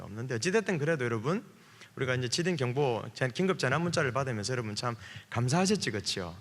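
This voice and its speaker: A male pastor from Busan speaks with a Gyeongsang accent at an ordinary middle pitch. He preaches at a revival service in a loose, chatty way, joking and filling pauses. His voice carries a long reverb through the church's sound system. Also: a bit bright. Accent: Gyeongsang Korean. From Busan, South Korea. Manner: chatty and joking, with many fillers. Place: church sanctuary.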